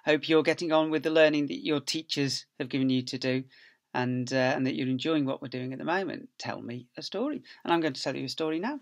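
Captured at close range on a laptop webcam in a small office, a middle-aged school teacher reads a picture book to young kids. His fairly high voice moves fast, and he playfully draws out key words and throws in sound effects.

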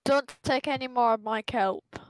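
A woman's voice: on the high side, normal speed, poor audio. A woman chatting over a game, bickering indignantly with a friend. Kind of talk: casual gaming chat. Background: faint background music.

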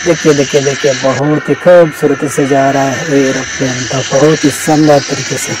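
A man hosting a toy video, narrating his play with cars and figures in an excited, repetitive, exclamatory way. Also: medium pitch, normal speed, background noise. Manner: exclamatory, repeats words to show excitement.

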